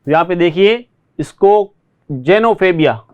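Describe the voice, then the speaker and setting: Teaching spoken English online, this Indian man speaks with a Rajasthani Hindi accent. Every word is drilled slowly and said again, then explained in Hindi, and he tells the class to note their answers quickly. The voice is high and expressive, though the highs are cut off.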